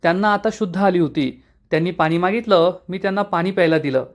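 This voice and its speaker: A man's voice: high voice, quick pace, close to an everyday voice. A man reading as a humble, pleading young woman.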